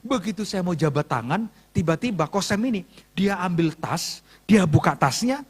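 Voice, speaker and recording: Preacher, male, bright high voice with big swings, acts out every line of dialogue. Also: moderate pace, breathy edge. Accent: Indonesian. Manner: animated, acts out dialogue, jokes with congregation. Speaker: pastor. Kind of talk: sermon storytelling. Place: church hall.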